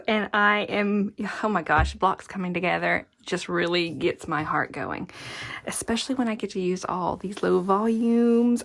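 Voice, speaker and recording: A woman with a mid-range, gravelly, slightly bright voice hosts a quilting tutorial from an indoor craft worktable. Casual and talkative, she murmurs encouragement to herself throughout the hands-on demonstration.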